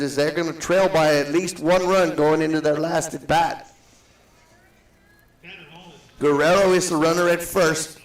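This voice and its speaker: A man calling a softball game live in a steady, matter-of-fact way, his voice ringing with a cave-like echo. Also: fairly high pitch, recorded from a distance. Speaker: play-by-play announcer. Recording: echoey booth, set back from the mic.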